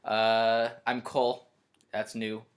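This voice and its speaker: A young man, a college student vlogging from his bedroom, telling a story in a rambling, self-interrupting, animated way. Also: fairly low pitch, slow. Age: young adult. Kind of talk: storytelling vlog.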